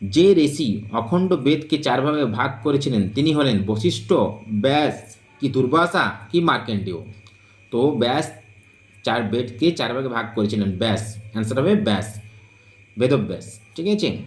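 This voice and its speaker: Male teacher, mid-pitched voice, slow and deliberate delivery for exam-prep quiz reading. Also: lively intonation. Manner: slow, deliberate, drawn-out listing of options.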